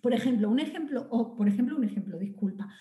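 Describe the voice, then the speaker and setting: A woman with a fairly high, mellow voice gives an animated lecture in a hall. She addresses the audience directly and corrects herself as she goes. The recording is dull and echoey. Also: fast. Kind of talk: public lecture.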